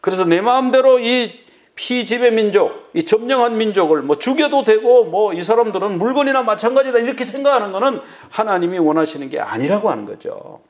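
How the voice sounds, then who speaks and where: A man's voice: sits high, expressive, brisk. A male pastor preaching a sermon, dramatically acting out the words of biblical figures. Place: church.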